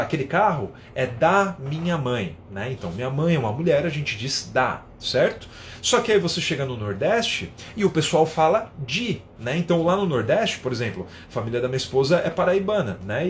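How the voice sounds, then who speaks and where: A man teaching in a live online lesson, explaining with everyday examples and often adding a quick tag question. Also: medium pitch, a little hiss or hum. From São Paulo, Brazil. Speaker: English teacher.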